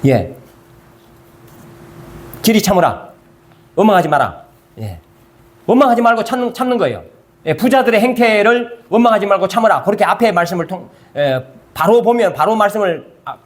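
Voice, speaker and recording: A man preaching a sermon, who asks the congregation questions, answers them himself and reads scripture in a measured way. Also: high voice, big pitch swings. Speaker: pastor. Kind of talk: sermon, Bible review.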